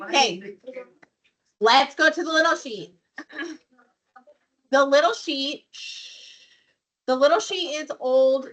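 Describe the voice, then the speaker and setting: A woman's voice: sits high, takes it slowly, long pauses, fairly bright tone. A woman math teacher who is losing her voice from illness, walking a classroom through problems step by step and quizzing students as she goes. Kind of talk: classroom lesson.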